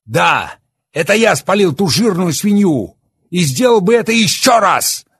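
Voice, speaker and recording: A man voicing a furious, bitter young man who shouts and sneers. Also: sits high, very animated, measured pace, slightly rough, pitched above the performer's own voice, full character voice. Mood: raging. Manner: shouting, raging, bitter sarcasm.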